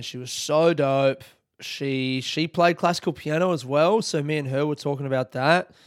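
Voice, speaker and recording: A young Australian man chats on his own, rambling loosely with plenty of swearing and bursts of enthusiasm. His voice is smooth and clear, recorded close and dry with no room sound, and sits at a middling pitch. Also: no room sound. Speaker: podcast host. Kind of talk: casual solo chat.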